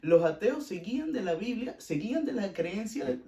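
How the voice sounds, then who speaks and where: A man's voice: high-pitched, sing-song, normal speed, dark tone, roomy sound, recorded from a distance. A man with a Venezuelan accent hosting a casual podcast, giving blunt opinions and repeating himself for emphasis. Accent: Venezuelan Spanish. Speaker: podcast host.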